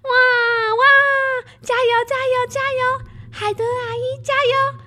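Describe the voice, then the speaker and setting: A woman voicing an excitable, earnest little girl in a children's adventure story. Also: very high voice, a little slow, very noisy, voice pushed up. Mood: excited, urging.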